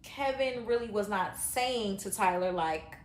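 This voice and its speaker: A woman with a mid-range voice talks a little slowly as she reviews a reality show, and the recording sounds roomy. Her casual reaction is rambling and blunt, full of fillers, with occasional swearing.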